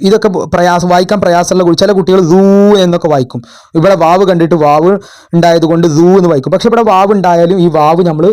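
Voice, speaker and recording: A man tutoring children and parents, going through exam questions in a patient way, asking questions and repeating words slowly. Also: sits high, warm tone. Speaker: madrasa tutor. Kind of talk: explaining exam answers.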